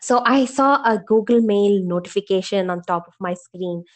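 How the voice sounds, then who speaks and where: A woman co-hosting a casual podcast who tells her stories with lively energy and acts out the voices of the people she quotes. Her voice sits at a middle pitch for a woman. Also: normal speed. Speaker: podcast co-host.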